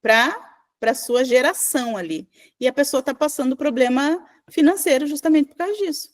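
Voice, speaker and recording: A middle-aged woman, teaching an informal online class in a chatty, animated way, with asides to the class. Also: high voice, normal speed. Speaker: spiritual teacher.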